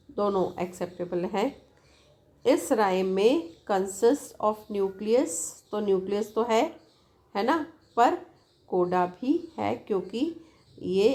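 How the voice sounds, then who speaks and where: A woman teacher with an Indian accent explaining phonology, reading English definitions slowly and explaining them quickly in Hindi while asking her students questions. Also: mid-range voice, a little mellow. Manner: repeats questions to students, addresses them as "beta".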